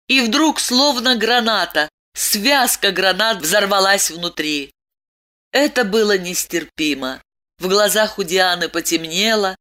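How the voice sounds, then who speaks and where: A woman narrating a dramatic story in an expressive, tense reading. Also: medium pitch. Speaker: audiobook narrator.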